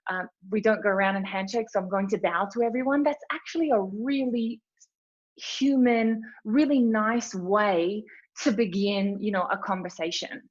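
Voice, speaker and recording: An Australian woman gives a chatty, informal webinar talk, telling stories packed with fillers. Her voice is mid-range and her pace moderate, and the webinar audio sounds dull and lo-fi.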